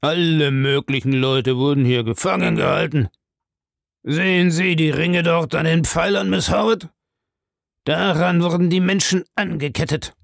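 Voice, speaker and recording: A man reading an audiobook, voicing a cruel old man who relishes other people's suffering in a slow, savoring way. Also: a little high, vocal fry, no echo, clean studio sound, voice pushed up. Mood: showing off. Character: cruel gloating old man, castle owner. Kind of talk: audiobook character voice.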